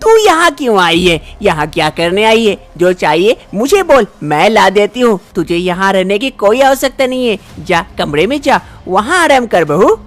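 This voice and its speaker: A woman's voice: medium pitch, very animated, normal speed, few pauses, close to an everyday voice. A woman voicing a scheming older mother-in-law who insists on a grandson, scolding and repeating herself. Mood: insistent.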